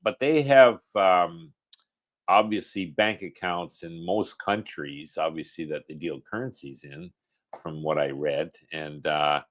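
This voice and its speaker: A man's voice: sits low, measured pace. A man co-hosting a casual livestream in an easygoing way, reading viewer comments aloud and chatting.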